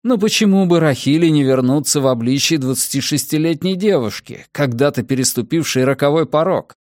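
A man narrating an audiobook in a measured, dramatic reading style. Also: a little high, expressive, darkish tone, no echo, studio quality. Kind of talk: scripted narration.

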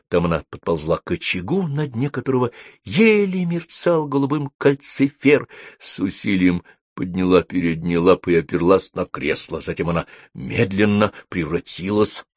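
A man narrating a storybook as an audiobook, with expressive storytelling. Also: low voice, breathy edge, no echo, clean studio sound.

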